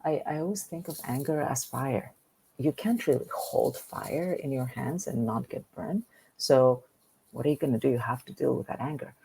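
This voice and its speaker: Greek-born woman with a gravelly, dark voice. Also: a bass voice, moderate pace, a little hiss or hum, low-quality recording. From Greece. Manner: earnest, repeats words when starting. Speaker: guest. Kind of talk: podcast interview.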